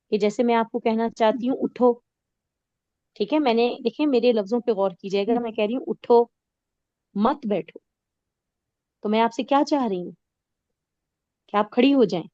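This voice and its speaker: A woman's voice: fairly high pitch, warm tone, no room sound, dull audio. Patient woman teaching a recitation class. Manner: patient, explains with everyday examples and checks understanding. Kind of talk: online tajweed class.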